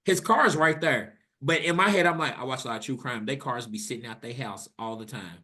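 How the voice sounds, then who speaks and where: A young man co-hosting a podcast, telling a story in casual, profane chat and acting out the quotes with a rising voice. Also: brisk. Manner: animated, profane, acts out quotes with rising pitch. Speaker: podcast co-host.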